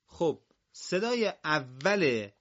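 Man, patient reading teacher on a broadcast lesson, bright tense voice, slightly raised pitch, dull lo-fi audio. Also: very animated. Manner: patient, drills single syllables loudly.

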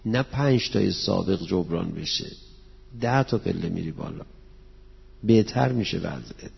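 His voice sits low, gravelly and animated with a breathy edge as he gives a religious lecture to a hall audience. He draws on Arabic scripture and Persian verse, explains them plainly, and leads prayer, all in a dull, echoey recording.

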